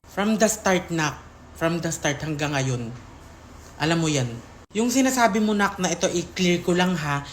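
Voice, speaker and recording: A woman's voice: lowish voice, animated, normal speed, slight background noise. Woman, shaky emotional voice, pleading, tender direct address, faint room ambience. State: voice shaking with emotion. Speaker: content creator. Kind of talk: emotional vlog statement.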